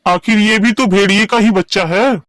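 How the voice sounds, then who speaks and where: A man's voice: high-pitched, steady tone, normal speed, a bit bright, dry recording. A man voicing a stern, worried village man in a cartoon story, who speaks in a firm, urging way. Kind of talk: cartoon voice acting.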